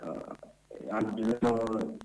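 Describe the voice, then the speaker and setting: A man's voice: fairly low pitch, completely flat delivery, very slow. Man phoning in to a radio show, hesitant and unsure he is heard, over a noisy phone line. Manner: hesitant, keeps asking if he can be heard. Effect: heard over a bad phone line. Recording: echoey, noisy phone call.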